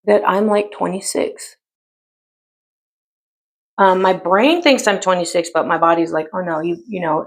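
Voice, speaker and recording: A woman in her mid-fifties chatting casually through a makeup tutorial, rambling with many pauses and fillers. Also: fairly low pitch, gravelly. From United States. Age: 50s. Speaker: beauty vlogger.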